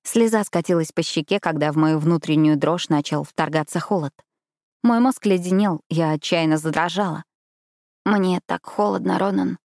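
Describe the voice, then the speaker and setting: A woman reading a novel aloud in the first person, with steady, measured storytelling. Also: deep voice, no echo, clean studio sound. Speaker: audiobook narrator. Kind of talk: first-person scripted narration.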